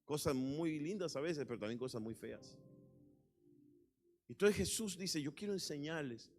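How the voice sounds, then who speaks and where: A male pastor preaching a sermon with passion, swinging into sudden loud emphatic bursts. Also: fairly high pitch, expressive, measured pace, faint music behind. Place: church.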